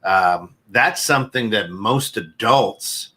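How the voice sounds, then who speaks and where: A man in his fifties co-hosts a loose talk show, wandering through his thoughts with plenty of fillers and jokes. His voice sits on the low side but comes across bright and forceful. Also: slow, husky. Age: 50s. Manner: rambling and joking, many fillers. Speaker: co-host. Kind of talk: casual chat.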